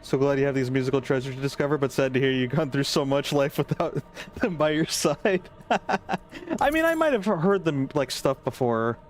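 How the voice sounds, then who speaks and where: A man's voice: mid-range voice, animated, moderate pace. A man streaming a game, chatting casually and rambling with lots of fillers. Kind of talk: casual gameplay chat.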